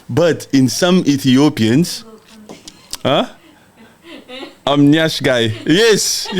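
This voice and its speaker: A livestream host, a man with a fairly high-pitched voice, reads viewer comments aloud on a casual stream. He answers them in a brash, mocking, joking way and often bursts out laughing.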